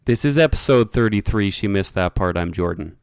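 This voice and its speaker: A man's voice: fairly low pitch, expressive, fairly quick, clean tone, dry recording. A man co-hosting a podcast, chatting casually and joking, sitting close to the mic. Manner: joking, swears freely. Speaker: podcast co-host. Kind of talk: casual chat.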